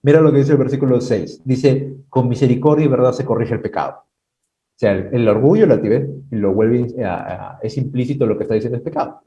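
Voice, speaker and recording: A man's voice: brisk, warm tone, recorded from a distance, dull audio. A man preaching a sermon at a church prayer night, acting out quoted lines in voices. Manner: acts out dialogue with God in high mocking voices.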